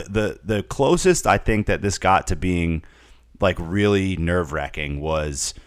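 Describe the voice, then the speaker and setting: A man's voice: sits low, no echo, studio quality. A young man co-hosting a casual sports podcast, rambling with many fillers and repeated words. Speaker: podcast co-host.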